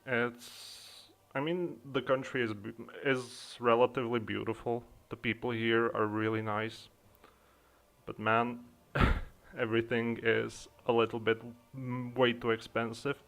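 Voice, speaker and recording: Speaking in a level, unhurried way, this young streamer from the Czech Republic has a gravelly, fairly bright voice of medium pitch and a Czech accent. He chats casually and hesitantly, filling pauses as he thinks aloud and tweaks his desk mic in the streaming software.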